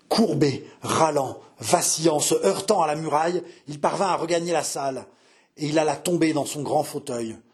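A man reading a historical novel aloud with theatrical, emphatic narration. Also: fairly high pitch. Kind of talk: dramatic audiobook narration.

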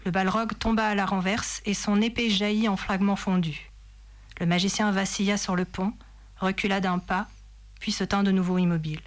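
A woman reading a fantasy novel passage aloud in a dramatic, measured storytelling manner. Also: medium pitch, flat delivery. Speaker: reader.

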